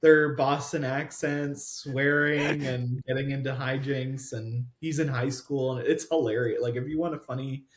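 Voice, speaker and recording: A man chats as a podcast guest, rambling from one thought to the next and laughing easily. His voice sits at an ordinary middle pitch. It rings with a roomy echo. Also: steady tone, slight background noise. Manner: chatty, rambling, quick to laugh. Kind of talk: casual conversation.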